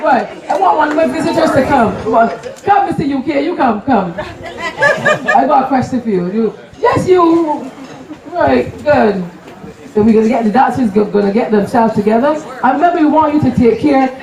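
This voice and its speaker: A woman's voice: high voice, expressive, moderate pace. A Barbadian woman emceeing a crowd quiz, playful and teasing, laughing often. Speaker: event emcee. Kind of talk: lively crowd quiz hosting. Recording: echoey hall, from far off, crowd noise.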